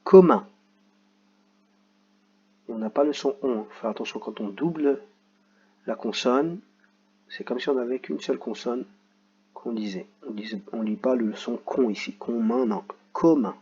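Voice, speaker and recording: A man's voice: medium pitch, moderate pace, a little mellow, husky, highs cut off. A man teaching children a reading lesson, patiently spelling out sounds and letters.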